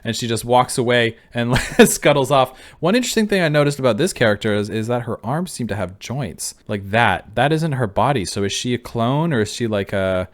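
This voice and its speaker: A man's voice: mid-range voice, lively intonation, brisk, hardly any pauses. A man giving casual reaction commentary, musing and thinking aloud as he goes. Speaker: video reactor. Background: faint music.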